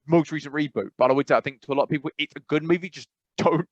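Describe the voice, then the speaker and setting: A man co-hosting a podcast rambles through casual chat in a voice on the high side, racing along and often correcting himself mid-sentence. He keeps saying "I must be honest." The recording is dry, with the highs cut off.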